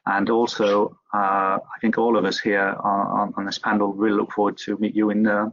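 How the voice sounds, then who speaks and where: A man with a low, gravelly, husky voice delivers a business webinar presentation, often pausing on fillers and restarting phrases. The sound is dry and dull, like lo-fi webinar audio. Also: monotone, fairly bright tone, dry recording. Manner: halting, many fillers and restarts. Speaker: company presenter at an industry webinar.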